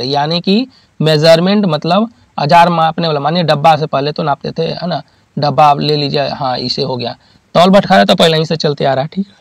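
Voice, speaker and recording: A man teaches in a high, clear voice, and the recording is close and dry. He keeps asking listeners questions and then answers them himself. He repeats each key term, and his examples come from daily life. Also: no echo. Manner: uses homely examples, repeats key terms. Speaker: exam-prep teacher. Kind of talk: classroom lecture.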